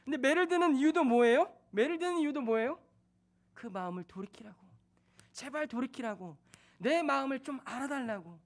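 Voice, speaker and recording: A man's voice: very high-pitched, expressive, brisk. A man in his thirties, a junior pastor, preaching a sermon in a church in a conversational way, asking questions of the congregation. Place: church sanctuary.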